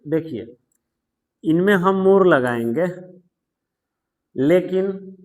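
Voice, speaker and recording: A man teaching English grammar in a patient lesson, repeating words, spelling them out and telling students to pause and take notes. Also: fairly high pitch, rough recording. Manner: tells students to pause the video and write notes. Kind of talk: slow explanatory grammar lesson.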